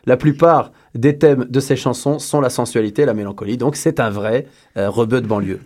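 A man's voice: mid-range voice, a little fast, a little mellow. A man from France hosting a casual radio chat, playful and wisecracking as he reads from his notes. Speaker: radio show host.

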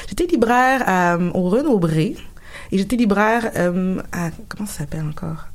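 A woman, a guest on a radio chat show, talking quickly and playfully with fillers. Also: mid-range voice, lively intonation. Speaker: guest, freelance communications worker.

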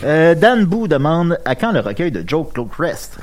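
A man's voice: on the high side, very animated, moderate pace. A man with a Quebec French accent co-hosting a casual comedy interview and reading out audience questions.

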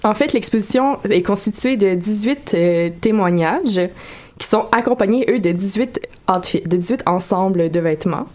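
A woman's voice: mid-range voice, normal speed, a little mellow. A woman with a Quebec French accent, a radio guest explaining a subject in casual chat with frequent hesitations. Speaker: guest columnist.

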